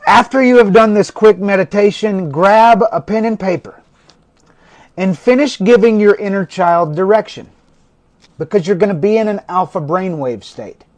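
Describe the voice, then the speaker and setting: A man with a slightly raised pitch leads a guided meditation on a livestream. He speaks in a slow, calm, instructional way, drawing out each phrase. The sound comes from a home setup on a phone or computer mic. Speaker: host of a livestream.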